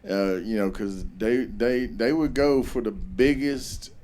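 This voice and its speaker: A man's voice: medium pitch, slow pace, darkish tone. A man hosting a comedy show, bantering casually and joking with the comedian on stage.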